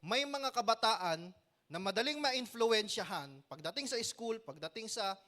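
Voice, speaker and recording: Young male youth pastor, high bright voice, animated preaching with crowd call-outs. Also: moderate pace. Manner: preachy, asks the crowd "Amen?" often; animated storytelling with joking asides. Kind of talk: youth sermon.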